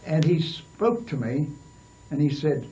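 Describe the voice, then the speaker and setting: An older man recounts stories in an interview, his voice a little high but mellow. He wanders and restarts often. The mic sits some distance away. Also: sing-song, slow. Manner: rambling, with many restarts and fillers. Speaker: interview guest. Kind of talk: storytelling in a casual interview.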